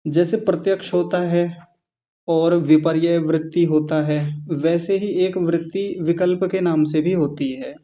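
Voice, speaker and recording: A male teacher giving an online class lecture on yoga philosophy, patiently explaining Sanskrit terms and slowing down to spell them out. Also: a little high, fairly even intonation, mellow. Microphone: video call. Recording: dull lo-fi video call audio.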